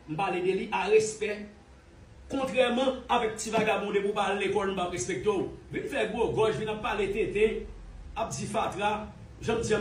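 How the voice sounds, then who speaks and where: A man from Haiti delivers a heated, scornful online commentary, mocking his target and hammering the same points over and over. His voice sits high. It comes through a roomy, echoey space with him set back from the microphone. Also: a little hiss or hum. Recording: roomy echo, distant from mic.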